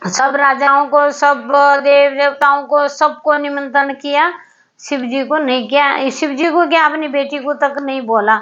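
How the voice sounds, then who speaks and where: A woman casually retelling a devotional story, unhurried and halting, with many fillers and repeated words. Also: high voice, fairly even intonation, fairly bright tone. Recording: dull lo-fi recording.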